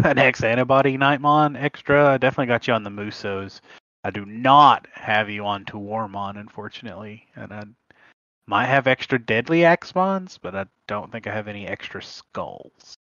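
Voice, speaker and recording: A talkative man at a middle pitch, chatting casually on a card game podcast and chuckling as he tells his stories. The sound is dry and close, with a slightly dull, lo-fi tone. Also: a bit bright, no echo. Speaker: podcast co-host. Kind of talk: casual chat. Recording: muffled lo-fi audio.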